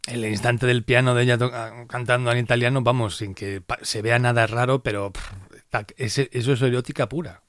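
A man from Spain talks through a film on a podcast in a chatty, animated way. His voice sits at an ordinary middle pitch and sounds dry and close, with no room around it. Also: fairly quick, no room sound. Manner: chatty, animated retelling with acted-out quotes. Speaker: podcast host. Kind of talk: casual podcast chat retelling a film.

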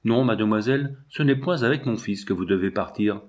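A man's voice: lowish voice, a little fast, a little mellow, natural voice. A man reading a solemn, formal old-world governor. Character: stern, cautious male governor writing a letter.

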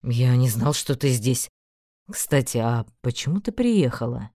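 A woman voicing a brusque young nobleman who talks low, clipped and sardonic. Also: expressive, measured pace, warm tone, no room sound, studio quality, heavily acted. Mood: dry teasing.

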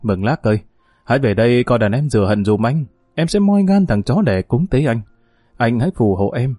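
A man's voice: medium pitch, lively intonation, normal speed, warm tone, no room sound, soft background music, lightly acted. Man voicing a brash young street hoodlum. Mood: vengeful. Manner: rough, bossy swagger.

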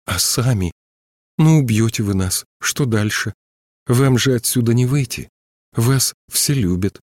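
A man's voice: medium pitch, expressive, measured pace, a little mellow, no room sound, clean studio sound, voice pushed up. A man doing a trembling, pleading young woman.

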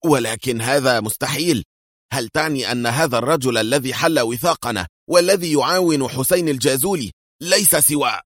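Male narrator as an old gang boss, stern, slightly raised pitch. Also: sing-song, a little fast, a bit bright, slightly rough, dry recording, clean studio sound. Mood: alarmed. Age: older. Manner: stern, commanding. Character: old bald male villain, stern leader.

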